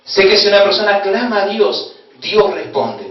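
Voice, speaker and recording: A man pastor with an Argentine accent from Corrientes, preaching a sermon and telling a story with emotional swings between loud exclamation and hushed tones. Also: sits high, sing-song, moderate pace. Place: church hall. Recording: very echoey hall, distant dull mic.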